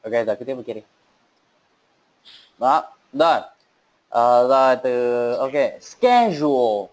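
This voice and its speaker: A man teaching an online English class, repeating words slowly and checking that learners follow. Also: mid-range voice, animated, a little mellow, poor audio. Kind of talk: online class drilling pronunciation.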